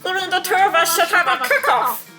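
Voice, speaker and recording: A woman voicing a hyper, bubbly ghost party girl in a squeaky cartoon-creature voice while streaming a game. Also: expressive, fairly quick, bright, forceful tone, faint music behind, exaggerated voice. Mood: giddy.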